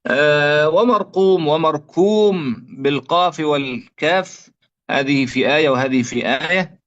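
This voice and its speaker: A man's voice: a little high, fairly bright tone. Man teaching Quran recitation. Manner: slow drawn-out demonstrations of letter sounds. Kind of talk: tajwid lesson with recited examples. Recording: dull lo-fi audio.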